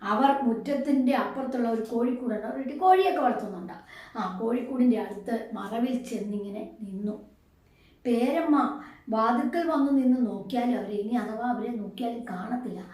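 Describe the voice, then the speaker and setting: A woman's voice: a little high, a little fast, a little mellow, far from the mic. Woman teacher in an echoey room. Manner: asks the pupils questions and answers them herself. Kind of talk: explaining a story lesson to a class.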